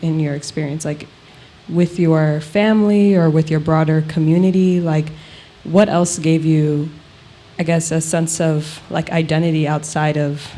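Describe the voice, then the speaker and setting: Female interviewer, low and even delivery, thoughtful, tentative and circling as she phrases things.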